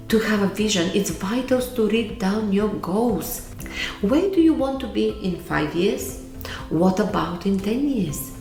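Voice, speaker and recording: A woman's voice: medium pitch, darkish tone, echoey room. A middle-aged woman from Bulgaria with a Bulgarian accent, giving earnest, emphatic motivational advice to camera and repeating key words. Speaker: vlogger giving life advice.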